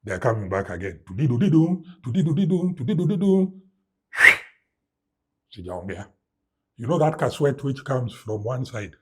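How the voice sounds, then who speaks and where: A man's voice: medium pitch, normal speed, long pauses, a little hiss or hum. A middle-aged man with a Kenyan English accent, a guest in an interview, telling a story with sound effects and Swahili words mixed in. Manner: animated storyteller who mimics sounds and drops Swahili words.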